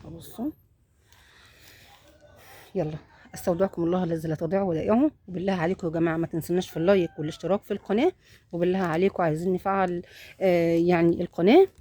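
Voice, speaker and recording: A woman's voice: lowish voice, fairly even intonation, rapid-fire. A woman with an Egyptian accent filming her cat at home on her phone and talking fondly to viewers in a casual vlog. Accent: Egyptian Arabic. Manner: talks softly and fondly to the cat and kittens. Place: home bedroom.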